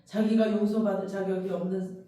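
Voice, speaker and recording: Inside a church sanctuary, a pastor preaches a sermon, telling the story with strong emotion and animation and breaking into loud, heated, shouted outbursts as he imagines them. His mid-range voice moves briskly. A distant mic in the very echoey hall picks him up.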